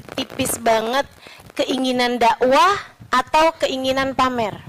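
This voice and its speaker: A woman preacher with a high voice gives a relaxed storytelling sermon. She chats with her listeners as friends and lets her voice fall soft and hushed in prayer. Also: slight background noise, poor audio. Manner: conversational, addresses listeners as friends. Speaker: Islamic preacher.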